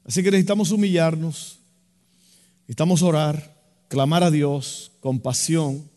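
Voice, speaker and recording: A man's voice: fairly high pitch, fairly even intonation, moderate pace, a little mellow. A man preaching a sermon as pastor, impassioned, with a rising and falling delivery. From Dominican Republic. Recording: echoey hall with long reverb.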